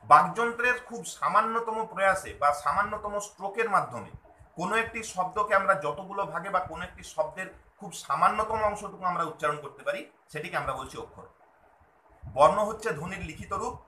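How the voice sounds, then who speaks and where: A man teaches a grammar lesson in a high, very bright, ringing voice. He explains patiently and goes back over each point slowly. The sound is echoey, as if from a bare room. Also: slight background noise. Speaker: language teacher.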